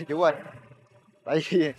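A young actor with a Southern Vietnamese accent, playing a smooth-talking swindler who coaxes and chuckles his way into a deal. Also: a little high, fairly even intonation, measured pace, darkish tone, natural voice. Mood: wheedling. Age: young adult. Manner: persuasive, coaxing, chuckling often. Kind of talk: TV drama acting.

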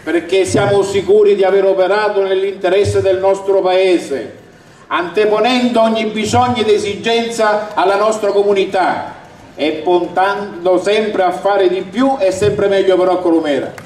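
Older man, high-pitched booming balcony speech. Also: normal speed, darkish tone. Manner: declamatory, emphatic delivery to a crowd. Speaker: election candidate. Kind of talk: booming balcony campaign speech, read from notes. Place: outdoor balcony over a town square at night. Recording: roomy, distant, noisy outdoor rally recording.

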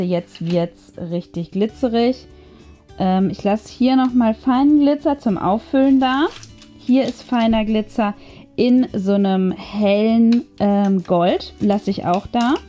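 Music accompanies a craft video host whose mid-range voice has a mellow quality. She gives relaxed, chatty commentary, thinking aloud as she crafts.

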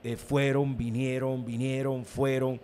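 A man's voice: medium pitch, little pitch movement, measured pace, dark tone. A Venezuelan man, an opposition party leader, speaking as a guest in a political interview, emphatic and given to repeating his words.

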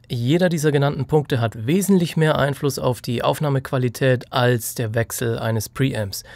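Gravelly German-speaking man explaining audio. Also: medium pitch, darkish tone, no echo. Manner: demonstrates mic distance by moving off and back. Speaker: audio engineer explaining recording. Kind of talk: casual tutorial explanation. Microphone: studio microphone.

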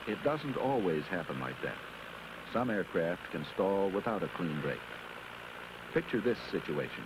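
Over the audible noise of an old 1970s film soundtrack, an American man with a deep voice narrates an instructional film. He speaks emphatically, his pitch moving up and down in a lively way.

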